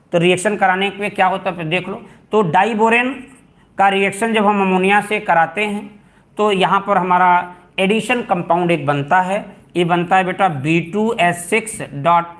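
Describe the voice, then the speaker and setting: A man with a high voice teaches a chemistry lesson, going over each point again and again. He calls his students "beta", mixes English terms into his talk and keeps stressing which parts matter most. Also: a bit bright. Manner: repeats key terms, addresses students as beta. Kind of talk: classroom lecture.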